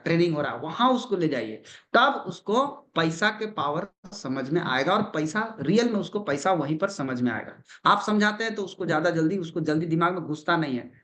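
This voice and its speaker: A man's voice: a little high, fairly bright tone. A man giving a motivational business seminar as a trainer, putting questions to the crowd and answering them himself. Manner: repeats key points with emphasis.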